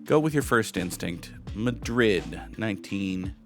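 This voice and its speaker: A man's voice: on the low side, lively intonation, a little slow, music in the background. A young adult man hosting a gaming channel, giving rambling, wry, self-deprecating commentary as he guesses where and when old photos were taken. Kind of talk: casual commentary while guessing photo locations.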